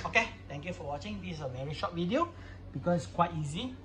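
A man with a high, animated voice talks fast as he narrates an informal, hands-on product tutorial. He's the product demonstrator, and his English has a casual, non-native phrasing.

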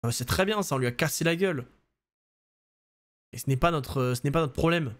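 Young man, game streamer, fairly high voice, excitable, joking, casual swearing, live commentary, desk mic at home. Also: a little fast. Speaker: gaming streamer.

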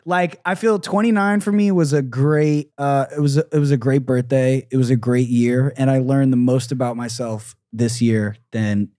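Casting: late-20s man from California, laid-back podcast host, cursing and telling animated stories, close dry mic. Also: medium pitch, moderate pace, few pauses, no room sound. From Riverside, California. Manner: swears freely, animated storytelling with quoted voices. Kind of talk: casual chat. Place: dim studio with neon sign. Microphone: boom mic, headphones. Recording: dry close studio sound.

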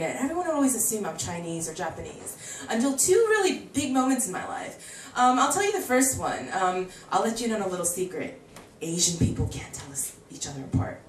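A woman in her thirties with an American accent, doing a chatty stand-up comedy set on a handheld mic in a small bar comedy club. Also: medium pitch. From United States. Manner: chatty, animated, acts out voices in quotes. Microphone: handheld mic, filmed from far camera. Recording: echoey room from far off.

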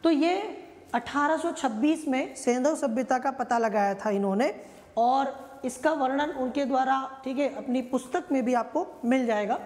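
A woman's voice: high-pitched, moderate pace, darkish tone, in a large hall. A woman teaching an exam-prep history lecture, conversational and often checking in with her listeners.

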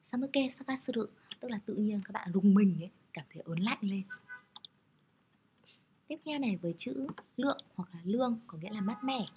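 A woman's voice: mid-range voice, expressive, moderate pace, darkish tone, slightly rough, highs cut off. A woman teaching Japanese characters, explaining patiently in a friendly, step-by-step way. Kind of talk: explaining lesson over slides.

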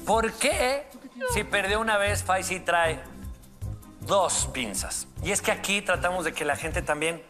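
High-voiced teasing man hosting. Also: lively intonation, measured pace. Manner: teasing, laughing, counting down. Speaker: game show host. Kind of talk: playful game show hosting. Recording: loud music and audience.

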